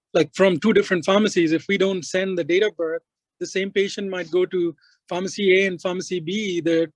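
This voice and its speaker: This man talks on the high side of the male range. The sound is dry and close, with no room around him. He explains his points casually in a remote work meeting, leaning on frequent fillers. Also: dry recording, rough recording. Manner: informal, explains with many fillers. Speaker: meeting participant.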